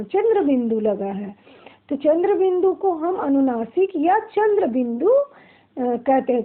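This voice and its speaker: A woman teaching a grammar lesson, asking questions and then answering them herself. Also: sits high. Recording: tinny phone-like audio.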